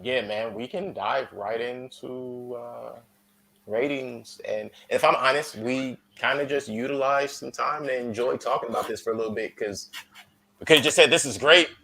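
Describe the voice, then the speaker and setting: Bright-voiced man hosting a review chat. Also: mid-range voice, normal speed, poor audio. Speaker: podcast host. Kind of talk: casual movie review chat.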